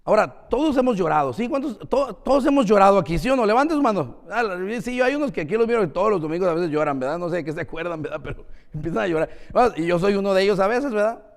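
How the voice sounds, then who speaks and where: A man preaching a sermon as pastor, lively and engaging, often asking the congregation questions. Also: high voice, fast, in a large hall. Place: church.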